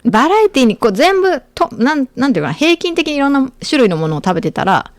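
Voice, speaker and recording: Lively, quick-talking woman. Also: sits high, no room sound. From Aichi, Japan. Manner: animated storyteller, lively quoting voices. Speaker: podcast host. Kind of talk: casual chat.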